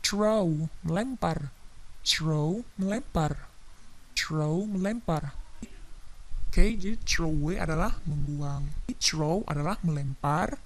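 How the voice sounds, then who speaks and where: Female language teacher, slow repetitive drill delivery, lowish voice. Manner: slow, repetitive drilling, stresses plosive sounds. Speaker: English teacher. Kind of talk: vocabulary drill lesson.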